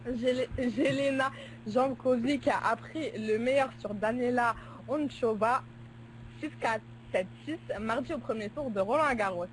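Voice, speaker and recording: High-voiced woman reading sports scores. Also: measured pace, slight background noise, low-quality recording. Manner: stumbles over names, giggly. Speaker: news reader. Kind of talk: casual web radio sports flash.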